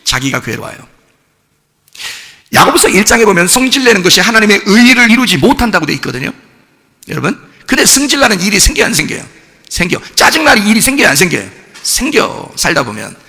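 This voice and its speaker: A male pastor preaching in an animated, questioning way, his bright voice rough with gravel. He swings high and wide in pitch. His words ring out with a long echo through a church hall. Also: quick pace. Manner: animated, rhetorical questions to the congregation. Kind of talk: sermon.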